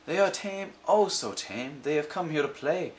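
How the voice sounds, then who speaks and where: A mischievous storybook cat, played by a man, boastful and breezy. The voice is raised in pitch and swoops playfully, with faint noise behind it. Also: animated, normal speed, close to an everyday voice. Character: carefree, mischievous showman cat in a hat. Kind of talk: children's storybook character reading.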